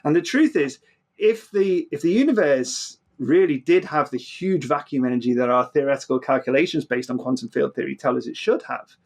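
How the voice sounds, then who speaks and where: A physicist appearing as an interview guest explains things animatedly, often stammering and repeating the openings of his phrases. His medium-pitched voice has vocal fry and a darkish tone, and he talks a little fast.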